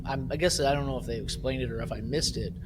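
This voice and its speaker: A podcast host with a mid-range voice talks fast over background music, with clearly audible background noise. He rambles casually through a recap of an audio drama, often checking in with "right?"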